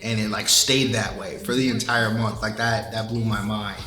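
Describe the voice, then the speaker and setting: A man from the US East Coast casually telling a story in an interview, animated and amused. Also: on the low side, normal speed, faint music behind. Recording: roomy echo.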